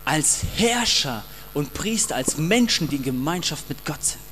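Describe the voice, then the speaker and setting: A man's voice: a little high, very animated, normal speed, sharp tone. A man preaching a passionate, emphatic sermon and addressing the congregation directly, in a reverberant hall with faint mains hum. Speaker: pastor.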